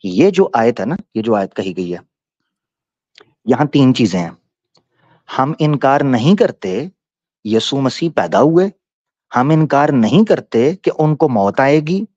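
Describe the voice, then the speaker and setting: Insistent, lively-voiced male debater. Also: a little high, no room sound, lo-fi sound. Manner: insistent, interrupting, repeats phrases, recites Arabic verses. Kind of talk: heated debate.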